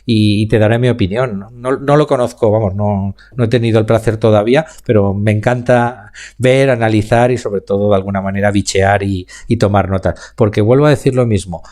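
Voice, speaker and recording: A man's voice: on the low side, fairly even intonation, darkish tone. Spanish man coaching public speaking live. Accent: Spain Spanish. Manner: explanatory, slows down to demonstrate pauses and emphasis. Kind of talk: live online class answering chat questions.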